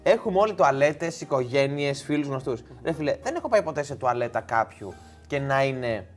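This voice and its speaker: A man telling a long funny story in casual chat, animated and quick to laugh. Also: medium pitch, faint music behind.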